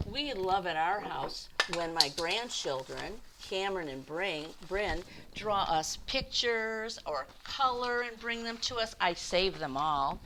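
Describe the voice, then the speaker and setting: This older woman, in her sixties or past them, uses a medium-pitched voice to tell children a story in an expressive, affectionate way. Hiss sits beneath the poor audio.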